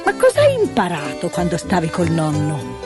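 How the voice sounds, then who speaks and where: Storybook role: woman reading as a strict governess, sharp and clipped, music underneath. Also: deep voice, wildly swooping pitch, normal speed, pitched below the performer's own voice, full character voice. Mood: stern. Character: stern, strict middle-aged governess. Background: background music.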